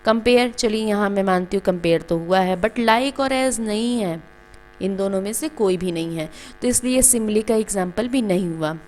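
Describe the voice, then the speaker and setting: A woman's voice: mid-range voice, moderate pace, a little mellow. A woman teacher explaining grammar to students step by step, asking questions and answering them herself. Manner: calls students "beta". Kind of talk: classroom grammar lesson.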